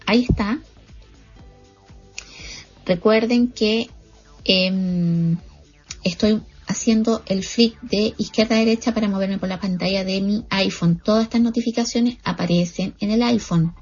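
A woman presenting a tutorial, calmly explaining each screen gesture to her listeners step by step. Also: medium pitch, measured pace, husky. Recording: muffled lo-fi audio, faint music.

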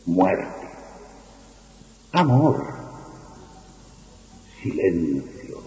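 Slow dramatic man reciting verse, echoey hall. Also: mellow, a little hiss or hum. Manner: declamatory, with sweeping pitch for chanted refrains. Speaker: poetry reciter. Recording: echoey hall with long reverb.

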